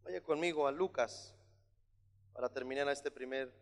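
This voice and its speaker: A man preaching a sermon as pastor, emphatic and at times shouting. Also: medium pitch, moderate pace. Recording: long hall reverb.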